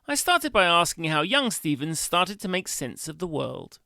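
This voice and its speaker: A man's voice: fairly high pitch, sing-song, normal speed, gravelly, pushed and bright, no room sound. A man hosting a podcast, reading a scripted intro with wordy, playful phrasing. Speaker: podcast host.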